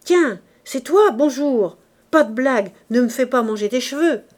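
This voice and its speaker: A woman reading a novel aloud, voicing a delirious, terrified working-class drunk who shouts rough slang in a hoarse voice. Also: expressive, a little slow. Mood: raving. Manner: loud slangy outbursts, raised pitch. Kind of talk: audiobook character voice.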